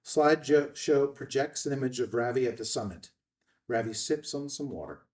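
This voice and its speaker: A man narrates a filmed screenplay table read, reading the stage directions aloud in an indoor room. His medium-pitched voice is animated and darkish, at a moderate pace, picked up by a slightly distant room microphone.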